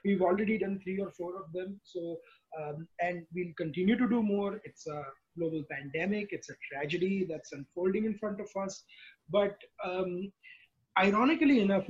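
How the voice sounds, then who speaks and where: A male podcast host with an Indian accent chats casually in a high, husky voice. He speaks haltingly and often doubles back on his words. The audio is dull and lo-fi.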